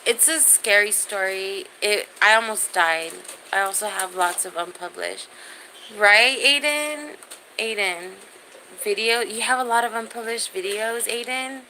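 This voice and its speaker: A thirties-aged woman chats on her livestream, reading comments and talking to viewers with plenty of slang and cursing. Her medium-pitched voice is pushed and bright, moving a little slowly. The recording is low quality, and faint noise can be heard behind her.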